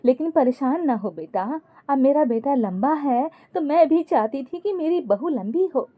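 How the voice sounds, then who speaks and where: A woman voicing a caring older mother-in-law who speaks gently and reassuringly in a storybook. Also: sits high, lively intonation, a little slow, voice pushed up.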